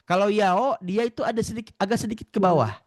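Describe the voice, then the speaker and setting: A man teaching Quran recitation in an online class, patiently drawing out and repeating sounds for his students. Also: high voice. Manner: slow drawn-out model recitation, repeating sounds; patient, addresses listeners as ladies and gentlemen.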